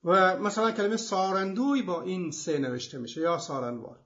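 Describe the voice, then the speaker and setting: A man's voice: high voice, a bit bright. A man hosting a language programme, giving an explanatory lecture in a methodical way with many examples. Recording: dull lo-fi recording.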